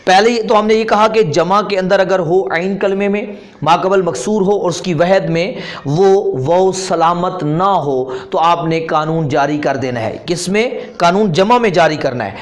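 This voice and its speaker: A man's voice: high voice, measured pace. A man with a Pakistani Urdu accent teaching Arabic grammar in a classroom lesson, patiently repeating terms and asking questions that he answers himself.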